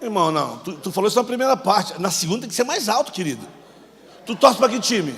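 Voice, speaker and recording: A man, a pastor coaching volunteers through a Bible scene in a sermon, joking and shouting cues. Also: sits high, sing-song, quick pace, gravelly, in a large hall.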